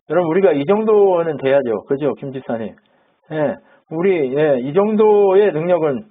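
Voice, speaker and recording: Over a phone-like, narrow-band recording, a man with a fairly high, slightly rough voice delivers a sermon as pastor. He talks with the congregation, poses questions to them and acts out the quotes he tells.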